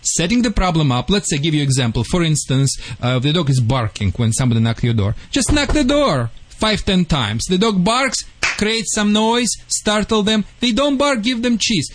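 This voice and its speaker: A man from Russia with a Russian accent, hosting a call-in pet advice show in excitable, joking, imperfect English. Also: sits high, moderate pace, few pauses, a little hiss or hum. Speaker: radio pet-advice host and dog trainer.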